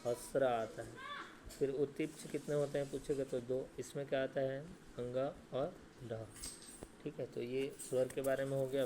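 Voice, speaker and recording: A man teaching a grammar lesson who asks questions and answers them himself, often adding "ठीक है" and "है ना", and draws out sounds slowly to show them. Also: mid-range voice, warm tone, slight background noise.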